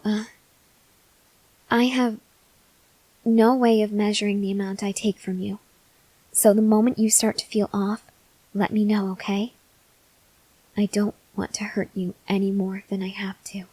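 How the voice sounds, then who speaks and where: Playing a starving vampire researcher in an ASMR roleplay, a voice actress delivers an acted monologue to the listener, weary, earnest and gently pleading. At medium pitch with a breathy edge, she speaks slowly and softly with long pauses, frequently whispering, sounding weak and faint with hunger and gently apologetic. There's no echo, but the recording is rough.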